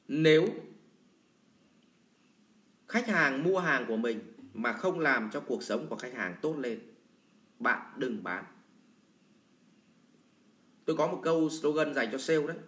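A man's voice: mid-range voice, a bit bright. Man teaching sales, roomy echo. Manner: colloquial, blunt, with many everyday examples. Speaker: sales trainer. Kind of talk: lecture answering a viewer question.

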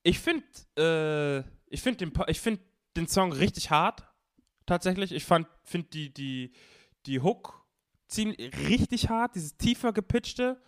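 A man's voice: sits high, animated, a little slow, clear, resonant tone. A man in casual chat about a rap song, talking in slang with stammers and blunt teasing. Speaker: podcast host who edits the show. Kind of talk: casual music review chat.

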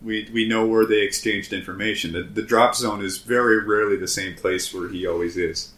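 A man's voice: on the low side, fairly even intonation, brisk, fairly bright tone, echoey room. A man running a tabletop game in casual chat, laughing often and joking with his players.

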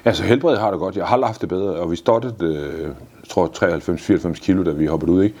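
Interview guest, man in his 50s, very low husky voice, blunt and swearing. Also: dark tone. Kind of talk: casual interview answers.

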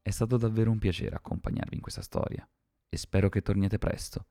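A man reading a dark fantasy story aloud in a measured, dramatic scripted narration. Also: fairly low pitch, gravelly.

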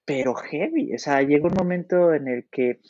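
A man with a Mexican accent, his voice sitting slightly high, talks in a loose, halting way, full of fillers and false starts. He livens up when spinning an anecdote. The recording is dry and somewhat dull, with a lo-fi edge. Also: no room sound. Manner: hesitant, full of fillers and restarts; animated when telling anecdotes. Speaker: podcast guest. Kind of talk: casual storytelling chat.

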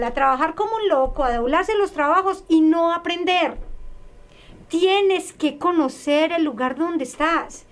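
A woman guest telling a personal story in a conversation, animated and emphatic, repeating phrases for emphasis. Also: high voice.

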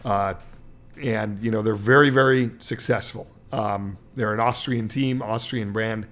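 A man's voice: lowish voice, fairly even intonation, measured pace, fairly bright tone. Guy co-hosting a sports podcast, rambles on with lots of ums, explains racing stuff. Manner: explains at length with many fillers. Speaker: podcast co-host. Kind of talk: casual sports chat.

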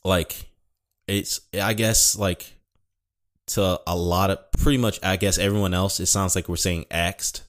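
Man, young adult, very low pitch, casual rambling talk, swears a lot, self-corrects, mild speech impediment. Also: fairly even intonation, unhurried. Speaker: podcast host.

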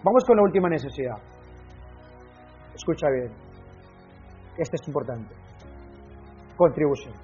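A man's voice: a little high, lively intonation, unhurried, long pauses, dark tone, lo-fi sound, soft background music. A man giving an impassioned motivational talk, repeating his key phrases for weight. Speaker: motivational speaker.

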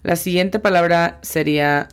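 A woman's voice: lowish voice, steady tone, clear, resonant tone. A woman teaching English vocabulary, spelling out each word sound by sound. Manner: slow, spells words out sound by sound. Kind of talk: language lesson.

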